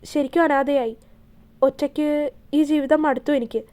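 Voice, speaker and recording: A woman's voice: sits high, steady tone, mellow, lightly acted. A woman voicing a tearful young wife. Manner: halting, repeats words while crying. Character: heartbroken young wife, grieving and unsure.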